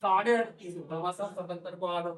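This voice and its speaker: A man with a teaches maths in a classroom. He coaxes the students and quizzes them, then repeats their answers back. His high voice comes from a mic set well away from him, with a roomy echo. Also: steady tone, brisk. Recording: echoey room, voice from far off mic.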